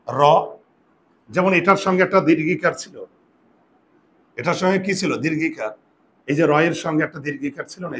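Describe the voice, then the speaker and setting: A man with a fairly high voice teaching a classroom lesson. He explains each step slowly and keeps quizzing his students as he goes. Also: fairly bright tone. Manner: explanatory, asks the class questions. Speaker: Bengali grammar teacher.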